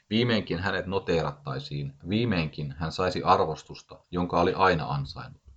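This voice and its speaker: Deep-voiced man reading a story. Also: a bit bright, highs cut off. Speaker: narrator. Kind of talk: scripted audiobook narration.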